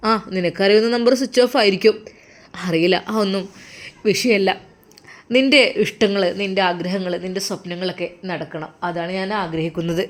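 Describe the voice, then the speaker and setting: A woman's voice: mid-range voice, moderate pace, long pauses, natural voice. A woman with a Malappuram Malayalam accent voicing a caring older brother who soothes and lectures earnestly. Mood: soothing. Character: caring protective older brother, young man. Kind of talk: storytelling role-play.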